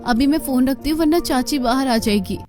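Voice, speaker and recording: A woman voicing a kind, hardworking poor young woman in a cartoon, earnest and gentle. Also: high-pitched, fairly quick, faint music behind, close to an everyday voice. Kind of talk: cartoon voice acting.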